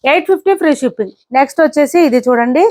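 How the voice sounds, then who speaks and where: A woman's voice: high voice, expressive, a little mellow. A woman presenting sarees for sale online, describing each one and repeating prices and ordering details. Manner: brisk, repetitive price callouts. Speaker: saree seller. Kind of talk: online sales showcase.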